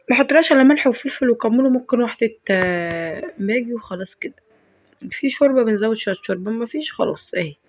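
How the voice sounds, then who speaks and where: A woman's voice: mid-range voice, vocal fry, dry recording. A woman with an Egyptian accent chatting casually through a cooking vlog, her voice stuffed up by a head cold. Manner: chatty, talks to viewers directly. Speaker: home cook vlogger.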